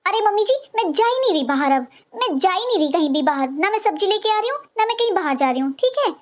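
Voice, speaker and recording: A woman's voice: very high voice, sing-song, fast talker. A woman voicing a young daughter-in-law in a cartoon, pleading and flustered as she answers her mother-in-law. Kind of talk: cartoon voice acting.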